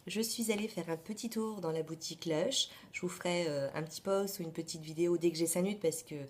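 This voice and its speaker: A woman talks to camera about her beauty favorites. Her voice sits a little low, and her delivery is chatty and full of pauses and asides. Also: steady tone. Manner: chatty, many hesitations and asides. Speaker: beauty vlogger. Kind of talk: casual beauty favorites vlog.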